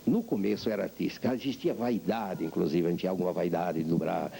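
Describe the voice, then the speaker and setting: An older man, a veteran voice actor, being interviewed and telling animated stories about his craft. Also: low voice, fast, vocal fry, rough recording. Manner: animated storyteller, acts out voices. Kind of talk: reflective interview talk.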